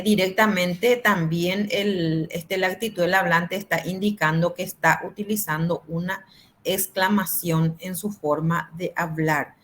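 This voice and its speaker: A woman's voice: medium pitch, slight background noise. Woman, teacher, online class, patient, simple examples, fillers. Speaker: Spanish teacher. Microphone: video call.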